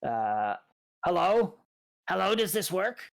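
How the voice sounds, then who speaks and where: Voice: mid-range voice, sing-song, slow, creaky, pitched above the performer's own voice, heavily acted. A game master voicing a small mechanical servant construct, talking in a tinny, metallic little voice, meek and stammering. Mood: uncertain. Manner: hesitant, apologetic, stammering.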